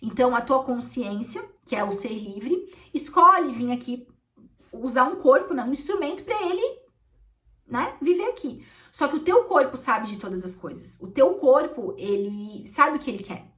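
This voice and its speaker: A woman with a fairly high, slightly bright voice shares a personal story as a therapist, speaking expressively at a normal speed. Her delivery is heartfelt, emotional and confessional, and she keeps checking in with listeners, often adding "né." She sounds a little distant from the microphone.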